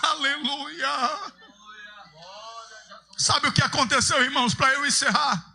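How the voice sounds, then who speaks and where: A man preaching an impassioned sermon in a church, building to shouts and sing-song repetition. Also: very high voice, steady tone, fairly quick, gravelly. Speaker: evangelist preacher. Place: large church sanctuary.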